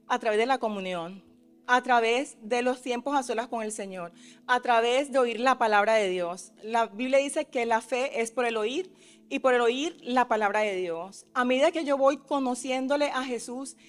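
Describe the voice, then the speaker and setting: A woman's voice: fairly high pitch, moderate pace. A woman preaching a sermon who keeps asking her listeners questions and acts out the cries in the story. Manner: asks the listeners frequent questions, adds tag questions; acts out the disciples' cries with rising force.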